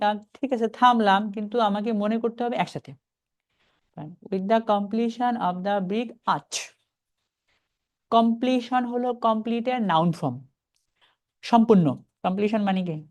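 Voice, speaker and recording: A man leads a live online class in a relaxed, chatty way. He calls out the students who answered and slows right down to read English sentences phrase by phrase. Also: sits high. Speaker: IELTS reading teacher.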